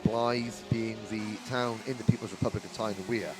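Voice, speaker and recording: A man's voice: fairly low pitch, steady tone, normal speed, over music. A man commentating live on motorsport, with chatty, jokey, rambling asides. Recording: outdoor trackside with clear engine noise.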